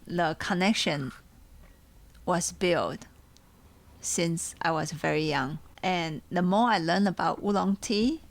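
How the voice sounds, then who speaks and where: A podcast host who also sells tea talks in a casual, reflective way, sometimes searching for her words. She has a Taiwanese accent, a lowish voice, and a slow pace.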